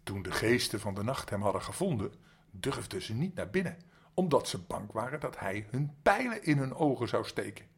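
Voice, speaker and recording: An older man reading a bedtime story aloud to his grandchildren in a lively manner. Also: medium pitch, moderate pace, breathy edge.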